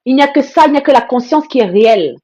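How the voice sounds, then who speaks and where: A woman's voice: high voice, animated, very fast, dark tone. Blunt, emphatic woman talking live. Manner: blunt, emphatic, repetitive phrasing; reads and greets viewer comments. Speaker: live stream host. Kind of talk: casual live-stream monologue.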